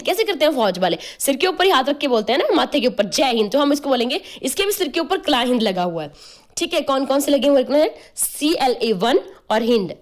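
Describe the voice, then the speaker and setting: A woman teaching a biology class. She explains step by step, spells terms out letter by letter and keeps checking whether the students have followed. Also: high-pitched. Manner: explains step by step, often asks "clear?" and "okay?"; spells out terms letter by letter, uses playful memory tricks. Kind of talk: online class lecture.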